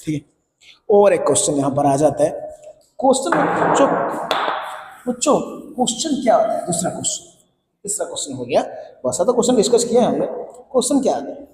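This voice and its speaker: High-voiced Indian male science teacher. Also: sing-song, fairly quick, long pauses, darkish tone, a little hiss or hum. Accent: Indian English. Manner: repeats key points and quizzes students. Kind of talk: classroom lecture in Hinglish. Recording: echoey room with faint ambience.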